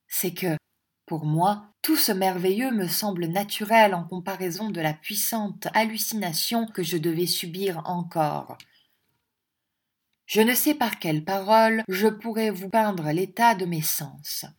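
A woman reading a pale, solemn provincial lawyer. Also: mid-range voice.

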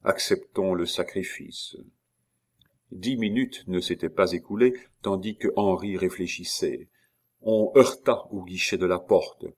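Slow, low-voiced male narrator. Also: darkish tone. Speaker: audiobook narrator. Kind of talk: reading a historical novel aloud.

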